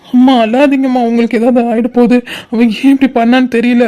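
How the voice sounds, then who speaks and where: A woman's voice: on the high side, flat delivery, fairly quick, mellow, close to an everyday voice. A woman voicing an anxious cartoon brother. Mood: anxious consoling. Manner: urgent, questioning, consoling. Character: anxious young man, the girl's brother. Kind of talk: cartoon drama voice acting.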